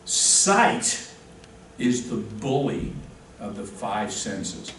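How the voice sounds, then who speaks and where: A man's voice: lowish voice, sing-song, drawn-out words, a bit bright, a little hiss or hum. A man teaching a real estate class, joking and quizzing the students as he lectures. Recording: very echoey room, distant mic.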